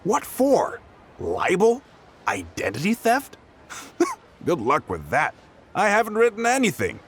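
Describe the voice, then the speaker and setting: A sneering tabloid editor. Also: male voice, high-pitched, huge pitch swings, measured pace, breathy edge, heavily acted. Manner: sneering, bullying, mocking. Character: sleazy scheming male tabloid editor, middle-aged. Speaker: game character. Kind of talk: video game voice acting. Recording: game audio with music behind.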